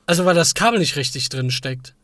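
A man's voice: on the high side, animated, fairly quick, a bit bright, no echo, studio quality. A man in his thirties hosting a casual podcast chat, joking and rambling. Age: 30s. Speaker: podcast host.

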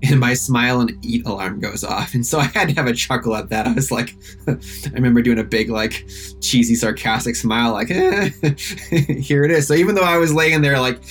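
A man's voice: lowish voice, a bit bright. A man casually recounting his own ordeal, chatty and self-deprecating, with lots of filler words. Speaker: interviewee recounting his accident. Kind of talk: casual first-person recollection. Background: faint music.

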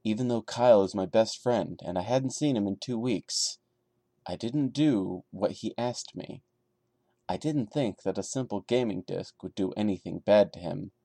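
Here a man hosting a podcast narrates a horror story with drama, peppering it with wry, joking asides in a chatty manner. His fairly low voice is creaky and mellow, moving at a moderate pace, recorded with no room sound.

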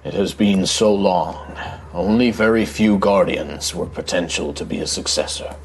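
A man voicing an ancient, solemn giant guardian of metal and stone in tabletop role-play, with a deep rumbling voice and formal, grave speech. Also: moderate pace, creaky, a little hiss or hum, low-quality recording. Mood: solemn welcome.

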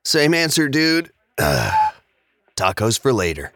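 An actor playing a laid-back stoner roommate who talks in an unbothered, drawling slacker way. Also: male voice, medium pitch, big pitch swings, slow pace, a bit bright, no echo, studio quality, heavily acted. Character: laid-back stoner male roommate, easygoing and munchie-minded. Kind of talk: audio drama acting.

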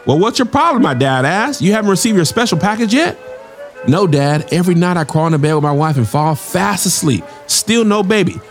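A man playing a cheeky wisecracking pitchman. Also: lively intonation, brisk, faint music behind. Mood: salesman patter. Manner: wisecracking stand-up patter with sudden shouts. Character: joking young male salesman-comedian, cheeky and fast-talking. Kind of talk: comedic audio drama acting.

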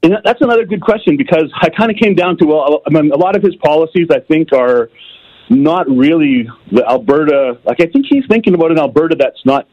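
A man's voice: on the high side, lively intonation, brisk. A man calling in over the phone, giving loose, opinionated talk with fillers. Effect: heard over the phone. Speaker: caller. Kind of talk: casual call-in chat. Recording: muffled phone line.

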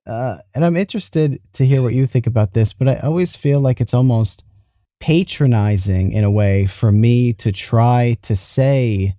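A man hosts a casual podcast conversation in a mellow, dark-toned voice. He talks in halting bursts, and the recording is dry and close. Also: medium pitch, no echo. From New York, United States. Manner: chatty, halting, laughs easily. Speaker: podcast host.

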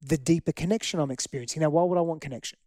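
This middle-aged interview guest from Greece, a first-language Greek speaker, talks rapid-fire about his past in a slightly high, dark-toned voice. He is reflective, earnest and candid, restarting often, and the studio recording is clean with no echo.

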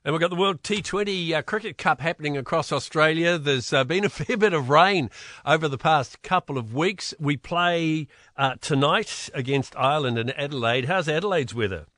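A man's voice: on the high side, moderate pace, fairly bright tone, dry recording. A man with a New Zealand accent hosting a conversational radio interview in an informal, matey way. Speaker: radio host.

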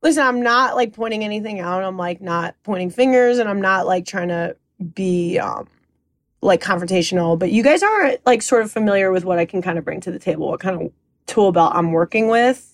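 A woman's voice: medium pitch, animated, brisk, no echo. A woman co-hosting a comedy podcast, rambling through improv banter with lots of fillers and laughter.

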